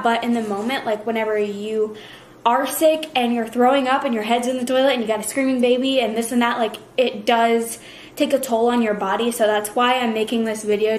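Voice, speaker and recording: A woman's voice: a little high, reverberant, slight background noise, rough recording. A young woman vlogging casually at home, chatty and full of fillers, nauseous and tired. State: nauseous, worn out. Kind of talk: casual vlog chat. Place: home kitchen.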